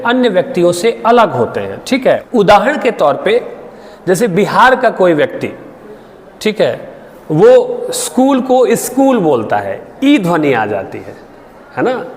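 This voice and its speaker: A teacher gives an exam-prep lecture to students. He keeps stopping to check that they follow. His high, very lively voice rings out in a long-reverb room. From Bihar, India. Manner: explains with frequent checks and tag questions. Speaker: Hindi literature teacher.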